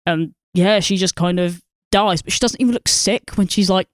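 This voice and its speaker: A woman's voice: lowish voice, moderate pace, no room sound, studio quality. A woman, co-hosting a podcast and rambling about a film with lots of swearing, fillers and laughter. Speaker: podcast co-host. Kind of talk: casual film review chat.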